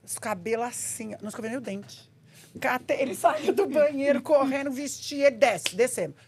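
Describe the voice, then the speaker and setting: A woman's voice: sits high, normal speed, a little hiss or hum. A woman chatting casually on a podcast, telling stories and acting out the dialogue she quotes. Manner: animated storyteller, acts out quoted dialogue.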